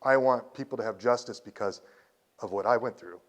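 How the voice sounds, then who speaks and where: A man's voice: medium pitch, brisk, lo-fi sound. A man in his fifties giving a conference talk, telling a personal story in a rambling way with restarts, and emotional at times. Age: 50s. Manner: rambling, with restarts and quoted dialogue. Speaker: conference speaker. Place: presentation hall.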